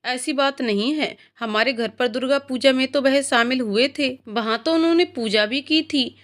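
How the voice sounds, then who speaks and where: A woman's voice: sits high, moderate pace, a bit bright. A woman voicing a sweet, caring young bride in a storybook reading, speaking earnestly and politely.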